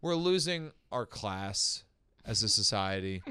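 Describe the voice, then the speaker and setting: Thirties male co-host from Long Island; emphatic rants, very animated delivery, dry booth. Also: lowish voice, takes it slowly, smooth, no echo. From Long Island, New York. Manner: animated ranting, peppers points with "okay?". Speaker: podcast co-host. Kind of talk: casual comedic chat.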